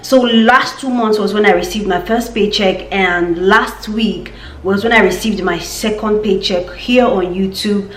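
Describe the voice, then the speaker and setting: A woman's voice: mid-range voice, measured pace, reverberant, a little hiss or hum. A young woman with a Nigerian accent, chatting casually in a vlog update and repeating words for emphasis. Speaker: vlogger.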